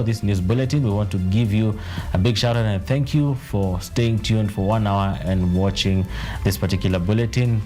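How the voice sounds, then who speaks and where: Kenyan male news anchor, low voice. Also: mellow. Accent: Kenyan English. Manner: chatty and rambling, with restarts and drawn-out lists. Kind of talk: unscripted sign-off of a news bulletin. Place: TV news studio.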